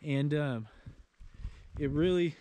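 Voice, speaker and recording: A man's voice: a little high, takes it slowly, mellow. A plain-spoken man with a Californian accent, walking and talking to camera in snowy mountain woods, out of breath as he gives tips. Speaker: outdoor vlogger.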